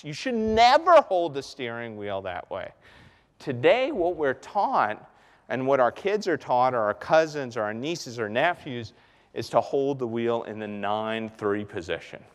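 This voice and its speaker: A middle-aged man from the Bahamas giving an animated keynote talk on a conference stage, pacing and gesturing as he speaks. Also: mid-range voice, measured pace. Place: large conference hall stage. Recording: reverberant hall.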